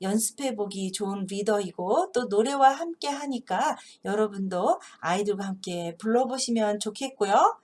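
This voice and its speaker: A woman presenting a phonics lesson for teachers, explaining patiently and reading example words slowly and carefully. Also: medium pitch, a little mellow. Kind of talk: instructional video lesson for teachers.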